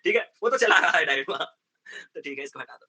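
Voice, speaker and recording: Fast, bright-voiced male math teacher. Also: fairly high pitch. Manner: animated, acts out student dialogues, mixes English terms into Hindi. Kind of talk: live online exam-prep lesson.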